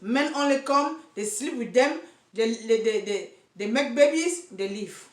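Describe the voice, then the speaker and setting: A Cameroonian woman, an activist for single mothers, speaks straight to camera in a vlog, earnest and insistent. Her fairly high voice has lively intonation and a slightly slow pace, and she stumbles and repeats words while searching for English. The room is echoey.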